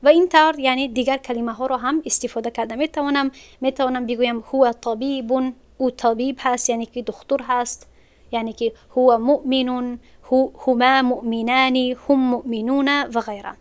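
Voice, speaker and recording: High, smooth-voiced woman teaching grammar. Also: steady tone. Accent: Tajik-accented Persian. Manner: patient, explains step by step, repeats words slowly. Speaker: Arabic teacher. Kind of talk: online grammar lesson.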